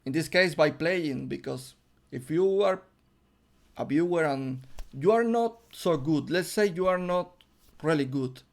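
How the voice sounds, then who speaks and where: A young man casting a game on his own, hoarse and losing his voice, who bursts into high excited yelps at big plays. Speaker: esports caster. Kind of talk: solo game commentary.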